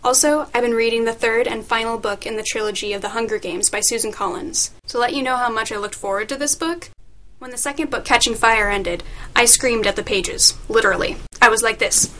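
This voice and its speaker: A young woman in a casual, playful video message to family, talking quickly into a video camera in a room at home. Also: fairly high pitch, a bit bright, slight background noise. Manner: chatty, rushed, playful. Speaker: vlogger. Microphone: video camera mic.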